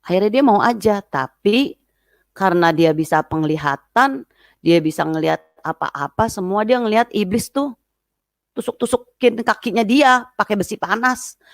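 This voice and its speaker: A woman telling a personal testimony as a guest, lively and acting out the voices of people she quotes. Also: normal speed, no room sound, clean studio sound. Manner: lively, acts out quoted voices in a high pitch.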